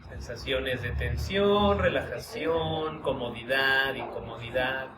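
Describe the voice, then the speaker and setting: A man leading a live workshop, walking listeners through a guided mindfulness exercise in gentle, unhurried instructions with pauses. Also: medium pitch. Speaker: workshop leader. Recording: roomy hall sound, distant mic, background noise.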